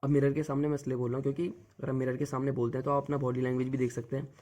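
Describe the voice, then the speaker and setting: A man's voice: medium pitch, level tone, very fast, mellow. A young man coaching viewers on group discussions in a casual, direct way, often repeating the same filler word. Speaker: exam coach giving tips. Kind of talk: casual spoken lesson.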